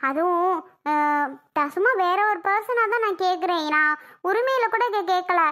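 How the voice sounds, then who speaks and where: A woman voicing a hurt, tearful young sister-in-law in a cartoon, soft and plaintive. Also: very high voice. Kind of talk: cartoon voice acting.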